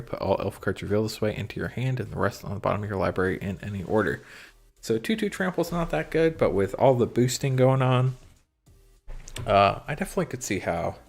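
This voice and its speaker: Low gravelly man reading cards aloud. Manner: relaxed, reads card text aloud, frequent ums. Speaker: card shop streamer. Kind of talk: casual livestream commentary on cards. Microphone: phone and computer stream setup.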